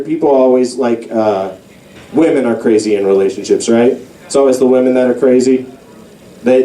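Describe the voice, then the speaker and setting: A young man doing a stand-up comedy set in a comedy club, animated and slipping into mock voices for the people in his jokes. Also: medium pitch. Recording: roomy club sound from a distance.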